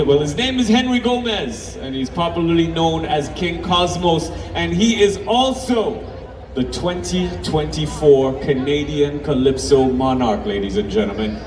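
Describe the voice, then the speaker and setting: A man's voice: a little high, expressive, moderate pace. A man acting as a festival MC, introducing acts to the audience with formal address and easy banter. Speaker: festival stage MC. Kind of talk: live stage introduction. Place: outdoor city square festival stage. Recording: echoey outdoor PA, distant, crowd noise.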